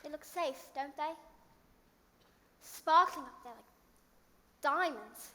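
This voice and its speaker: A woman plays a prim, earnest girl of good family on stage. The voice is very high and bright, measured and a little bossy, in an echoey hall. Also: heavily acted. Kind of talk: theatrical stage acting.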